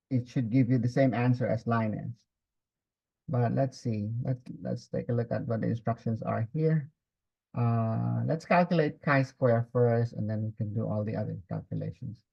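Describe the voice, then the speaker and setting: In a screen-recorded lesson at a computer, a man teaches a step-by-step spreadsheet tutorial, dictating formulas piece by piece and checking in with learners. His mid-range voice has vocal fry, and the audio is slightly dull and muffled.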